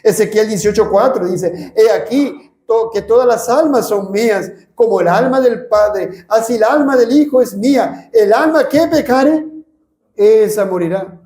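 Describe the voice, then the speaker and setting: A man's voice: sits high, unhurried, warm tone. A man with a Peruvian Spanish accent preaching a sermon, earnest and pleading, repeating phrases for emphasis. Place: church hall. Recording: echoey church hall.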